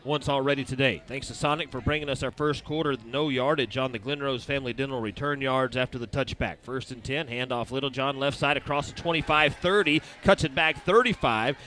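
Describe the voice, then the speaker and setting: A man announcing a high school football game play-by-play, calling each snap briskly and working in sponsor reads, recorded at an outdoor stadium. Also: pushed and bright.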